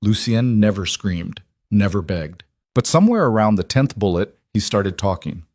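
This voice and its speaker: Low-voiced male audiobook narrator. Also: animated, darkish tone, dry recording, studio quality. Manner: measured, dramatic storytelling.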